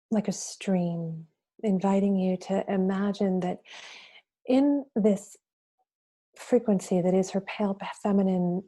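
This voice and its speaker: A woman guides a meditation with a very mellow, dark-toned voice. Her delivery is slow, hushed and breathy, reverent and soothing in a goddess-like way. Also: mid-range voice. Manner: soft, breathy, hushed, drifting at times toward a whisper.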